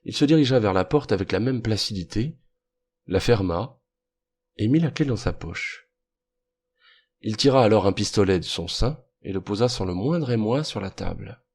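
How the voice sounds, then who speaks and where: A man narrating a classic story as an audiobook in a measured, even manner. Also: fairly low pitch, husky.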